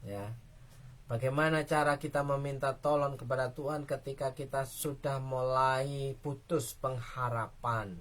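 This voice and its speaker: A woman's voice: a bass voice, sharp tone. A woman pastor delivering a dramatic sermon, speaking directly to her congregation.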